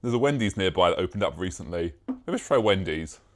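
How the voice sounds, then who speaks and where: A young British man chats to his camera in a loose, rambling vlog. He is self-mocking and swears casually, and his voice sits slightly low. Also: animated, fast. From Britain. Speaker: YouTuber.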